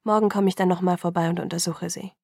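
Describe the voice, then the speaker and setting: A woman reading aloud voices a calm, grey-browed older country doctor, speaking in soothing, measured sentences. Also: on the low side, gravelly, slightly rough, no echo, clean studio sound.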